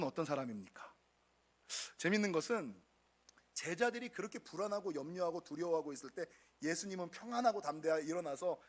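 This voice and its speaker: A middle-aged male pastor preaching a sermon, addressing the congregation directly and acting out quoted voices. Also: high-pitched. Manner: animated, acts out quoted voices.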